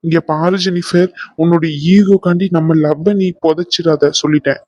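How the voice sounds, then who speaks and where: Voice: medium pitch, fairly even intonation, moderate pace, warm tone, no echo, lo-fi sound, natural voice. A performer voicing a young man who pleads with his ex and then turns threatening. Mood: pleading. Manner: insistent, clingy, pushy.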